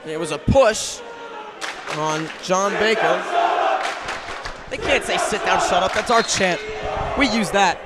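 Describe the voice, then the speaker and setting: A man calling live basketball play-by-play in a crowded school gym, with rapid, clipped calls shouted over the crowd. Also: high-pitched, animated. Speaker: play-by-play announcer. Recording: loud gym crowd and noise.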